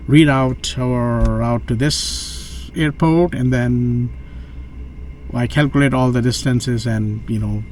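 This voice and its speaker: A man's voice: medium pitch, darkish tone. Man chatting casually over background noise. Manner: halting, loosely phrased, repeats himself. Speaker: student pilot telling his story. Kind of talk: casual vlog storytelling.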